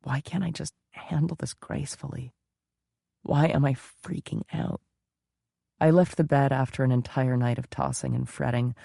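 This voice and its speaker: Gravelly man narrating an audiobook. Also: mid-range voice, flat delivery, normal speed, dark tone, no echo, clean studio sound. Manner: intimate, confessional. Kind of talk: first-person audiobook narration.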